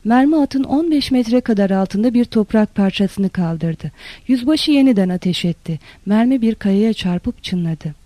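A narrator reading a literary novel in a steady, even storytelling manner. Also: medium pitch, a little slow, no room sound. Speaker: audiobook narrator.

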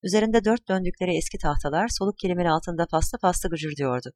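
A narrator reading a literary story aloud at an even, measured pace. The voice sits in the middle of its range and is recorded close and dry, with no room echo. Character lines get only small shifts in voice. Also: medium pitch.

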